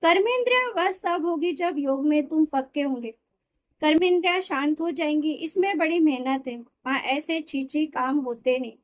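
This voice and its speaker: A woman reading a spiritual discourse aloud in a steady, explanatory way, sometimes correcting herself mid-word. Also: high-pitched, normal speed. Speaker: reader of a daily spiritual discourse.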